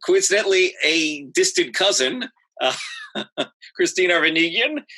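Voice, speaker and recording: A man hosting a casual interview chat, halting and jokey, often repeating his words. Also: high-pitched, expressive, pushed and bright. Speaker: host.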